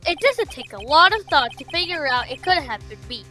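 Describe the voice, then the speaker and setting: A woman's voice: high voice, very animated, a little fast, bright, forceful tone, soft background music. A woman giving an assertive amateur dramatic reading of video game dialogue.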